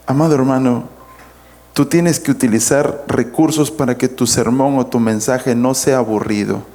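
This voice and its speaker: A man's voice: mid-range voice, warm tone. A man with a Peruvian Spanish accent preaching a sermon to a congregation, emphatic and swinging his voice up and down as he calls out to the room. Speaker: pastor teaching preaching. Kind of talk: sermon teaching.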